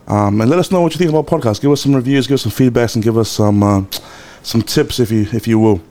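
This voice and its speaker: A man hosting a podcast, talking casually with many pauses and fillers. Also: mid-range voice, dark tone. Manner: hesitant, lots of fillers, friendly slang. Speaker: podcast host. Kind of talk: casual chat.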